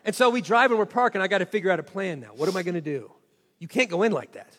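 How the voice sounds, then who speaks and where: A high-voiced man in his forties tells a story from the stage, acting out every line of dialogue with self-mocking animation. His voice rings out with a long reverb through a large hall. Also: animated, fast talker, a bit bright. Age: 40s. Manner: acts out quoted dialogue expressively, self-mocking.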